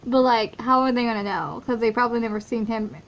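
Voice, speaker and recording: A woman's voice: on the high side, fairly even intonation, fast talker, a little hiss or hum, low-quality recording. Profane, joking young woman reading a game. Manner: blunt, profane, joking asides. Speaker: game reader. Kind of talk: casual game readthrough with commentary.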